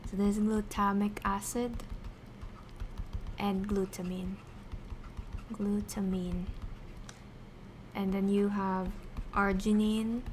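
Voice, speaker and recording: A woman's voice: mid-range voice, darkish tone, a little hiss or hum. A woman streamer teaching science in a casual live session, talking to herself as she works through problems. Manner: talks to herself while working through problems. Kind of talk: casual live tutoring, thinking aloud.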